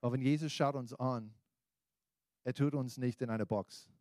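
A man's voice: medium pitch, fairly even intonation, moderate pace, a little mellow, dry recording, clean studio sound. A man with an American accent, a native English speaker, preaching an informal evangelical sermon, exhorting listeners directly in colloquial words. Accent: American accent in German. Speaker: preacher, pastor.

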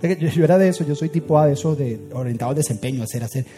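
A man preaching a sermon as a pastor, swinging from loud urgent build-ups to hushed, quiet lines. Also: a little high, rapid-fire, soft background music.

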